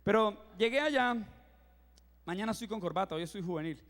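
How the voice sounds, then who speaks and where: A young man in his twenties, a youth pastor, preaching a sermon and telling funny stories, acting out his own reactions with lively energy. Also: high-pitched, fairly quick. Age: 20s. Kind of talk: sermon with humorous storytelling. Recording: reverberant hall.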